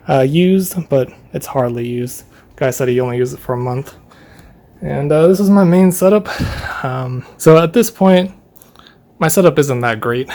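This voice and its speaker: A young man talks through a tour of his own bedroom at a middle pitch. His speech is relaxed and rambling, with plenty of "uh"s and small laughs, like he's filming an unscripted walkthrough. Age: young adult. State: running out of breath. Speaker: YouTuber giving a room tour. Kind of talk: casual room tour vlog.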